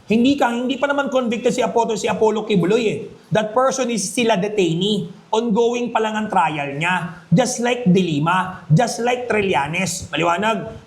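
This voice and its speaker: A man's voice: high-pitched, moderate pace. A man giving a criminology review lecture, emphatic and jokey, constantly checking that students follow. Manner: emphatic, jokey, keeps asking "Maliwanag?". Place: classroom. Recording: echoey room.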